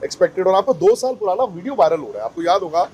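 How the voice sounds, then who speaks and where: A man asking brisk questions as a TV news interviewer. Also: high voice, sing-song, a little mellow, slight background noise.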